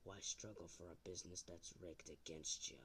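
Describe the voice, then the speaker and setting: A man's voice: medium pitch, a little slow, vocal fry, breathy edge. A man voicing a smug, menacing, seductive imp cowboy assassin in an overacted amateur cartoon dub, taunting as he goes. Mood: persuasive, sinister.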